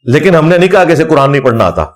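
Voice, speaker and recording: A man, an Islamic scholar, giving a religious lecture in an animated, scornful manner and reciting Arabic verses along the way. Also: fairly high pitch.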